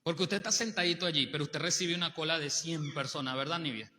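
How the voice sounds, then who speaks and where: A male pastor, preaching a sermon with animated rhetorical questions to the congregation. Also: fairly high pitch, fast. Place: church hall. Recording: long hall reverb.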